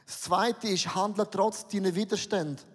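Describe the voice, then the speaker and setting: Swiss German pastor in an echoing hall. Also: male voice, high voice, steady tone, unhurried, breathy edge. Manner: humorous storytelling, self-mocking, with acted dialogue. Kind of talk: sermon. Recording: reverberant hall.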